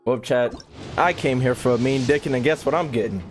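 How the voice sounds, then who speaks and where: Soft music sits under this man's medium-pitched voice as he games and chats casually with his stream audience at a moderate pace. He swears, uses slang, and plays up mock frustration with the chat.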